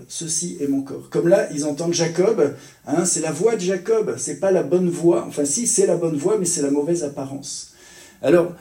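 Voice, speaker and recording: A man's voice: fairly high pitch, dark tone, reverberant. A man giving a teaching sermon, in a conversational way, often checking in with his listeners with little tags and questions. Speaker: preacher.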